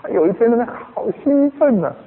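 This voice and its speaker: A male pastor delivers a sermon in a high, wide-swinging voice, firing off rhetorical questions at his listeners. The sound comes through a thin, phone-like radio broadcast with a long hall reverb trailing behind him. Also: a little fast. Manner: animated preaching full of rhetorical questions.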